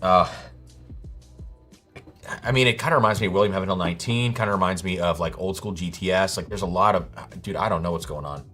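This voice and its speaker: A man's voice: low voice, fairly quick, pauses often, a bit bright, soft background music. A man hosting a live whiskey tasting stream, exclaiming, swearing freely and thinking aloud as he tastes.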